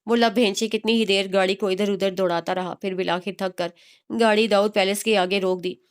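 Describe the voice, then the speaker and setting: A woman narrating a romance novel in a steady, expressive reading style. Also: mid-range voice, brisk.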